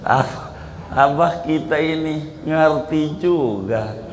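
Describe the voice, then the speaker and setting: A man with a Betawi Jakarta accent preaching a sermon in a colloquial, humorous way, swinging from loud outbursts to hushed asides. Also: a little high, drawn-out words, a little hiss or hum. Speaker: Islamic preacher. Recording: echoey hall recording from a distance.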